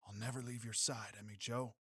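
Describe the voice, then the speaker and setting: A man's voice: medium pitch, fairly even intonation, fairly quick, fairly bright tone, breathy edge, no room sound. A young cowboy, tender and lightly teasing, his voice a bit raised from the plain read, as a male narrator does him. Close and dry, with no room sound.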